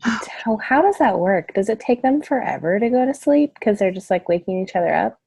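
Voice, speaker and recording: A woman's voice: medium pitch, expressive, moderate pace, vocal fry, warm tone, slightly rough. A woman on a team video call, curious and friendly, asking one question after another. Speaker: team member. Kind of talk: casual video call chat.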